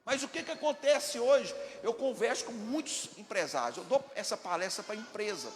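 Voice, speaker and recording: A Brazilian pastor with a Brazilian Portuguese accent preaches emphatically in a church hall, his high voice lively in intonation and moderate in pace. He asks the congregation questions and acts out dialogues, and the recording carries the hall's echo and faint ambience.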